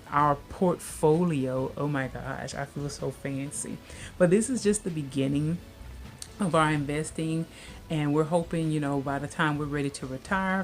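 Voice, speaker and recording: A woman in her late thirties chatting casually to her viewers, rambling with lots of fillers. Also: low-pitched. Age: 30s. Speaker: vlogger. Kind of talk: casual chat.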